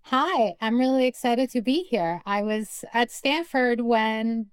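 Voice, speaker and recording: A woman from Peru, a philosophy professor, speaking as a guest on a radio talk show with thoughtful, measured explanations. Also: on the high side, animated, smooth, dry recording. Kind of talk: radio interview conversation.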